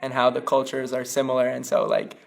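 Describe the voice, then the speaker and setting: A man's voice: mid-range voice, level tone, fairly quick, creaky. A young man from Colombia talking casually in an interview, with many fillers. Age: young adult. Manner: casual, filler-heavy, upbeat. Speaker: student in the program. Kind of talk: interview testimonial.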